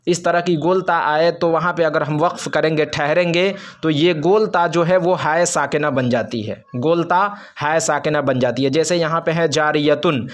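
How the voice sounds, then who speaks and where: A man with an Indian Urdu-Hindi accent teaching Quran reading, explaining step by step, repeating each example and reciting the Arabic slowly. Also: a little high, fairly even intonation. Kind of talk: slow, patient tajweed lesson.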